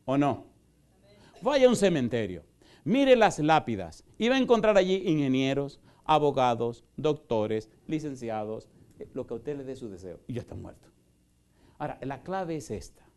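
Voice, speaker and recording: Impassioned male pastor, mellow voice. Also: mid-range voice, big pitch swings, normal speed. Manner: impassioned, rhetorical questions, shifts from loud preaching to soft pleading. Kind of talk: evangelistic sermon with altar call. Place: church in Houston, Texas.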